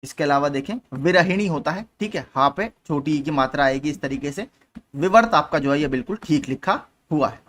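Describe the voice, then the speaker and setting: The young man's voice is on the high side, animated, brisk and a bit bright as he hosts his channel's lesson. He patiently works through the exam questions one after another, repeating key points and often checking "theek hai."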